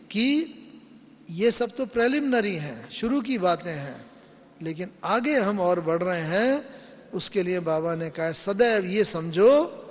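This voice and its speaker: A man with a high voice gives a slow spiritual discourse, explaining each point and quoting teachings gently. His voice carries a long reverb from a large hall. The recording sounds dull and lo-fi.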